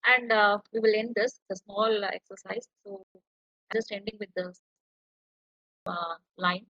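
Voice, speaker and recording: A woman's voice: mid-range voice, fairly even intonation, measured pace, sharp tone, no room sound, highs cut off. A woman lecturer, explaining step by step as she types in an online tutorial. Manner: explains step by step while typing.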